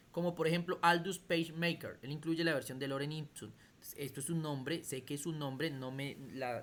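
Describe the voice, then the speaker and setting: A man's voice: on the high side, fairly bright tone. A man teaching a computer class over a video call, explaining step by step and often checking that students follow. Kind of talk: online class lecture.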